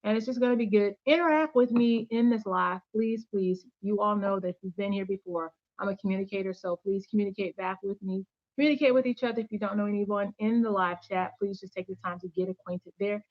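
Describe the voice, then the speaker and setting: A woman's voice: medium pitch, level tone, a little fast, few pauses, no room sound, lo-fi sound. A woman hosting a casual faith-based livestream from home, chatty and upbeat, greeting viewers by name and thanking them. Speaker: channel host giving faith-based teaching.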